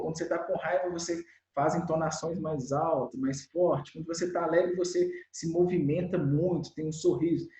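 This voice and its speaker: A man with a Brazilian Portuguese accent, a children's educator being interviewed, explaining in an animated way and acting out the lines of parents and children. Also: on the high side, roomy sound, low-quality recording. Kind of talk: explanatory conversational talk.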